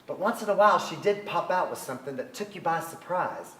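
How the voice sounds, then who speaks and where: An actor performs a staged reading as a brooding, restless son narrating memories of his family, his mood wistful. His voice is on the high side, expressive, bright and forceful, and a little fast, captured on an echoey, somewhat noisy theatre stage in front of an audience.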